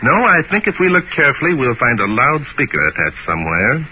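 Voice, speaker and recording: An actor playing a courteous, logical detective, measured and authoritative with a dry edge in an old radio mystery. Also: male voice, mid-range voice, very animated, sharp tone. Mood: composed, decisive. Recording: faintly noisy old radio recording.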